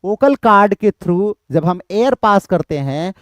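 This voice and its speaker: A man's voice: high voice, expressive, a little slow, fairly bright tone, dry recording. A man teaching literature for exam prep, explaining step by step, repeating key terms and answering his own questions.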